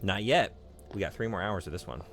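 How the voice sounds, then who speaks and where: Deep-voiced, joking game streamer. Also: male voice, expressive, a little fast, a bit bright, faint music behind. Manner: joking, chatty, riffs with chat. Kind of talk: casual chat while playing.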